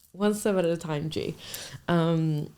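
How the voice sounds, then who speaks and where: A woman's voice: low voice, takes it slowly, warm tone, clean tone. A woman in her twenties hosting a podcast, telling a personal story in a candid, hesitant way, often trailing off and restarting. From Nigerian family. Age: 20s. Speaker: podcast host. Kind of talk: personal storytelling, casual confessional.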